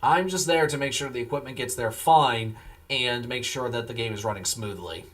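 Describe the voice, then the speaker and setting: A man's voice: mid-range voice, normal speed, a bit bright, faint music behind. A man live streaming, chatting casually with viewers in a laid-back, rambling way. He sounds tired after a long day. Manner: laid-back and rambling, replies to chat messages.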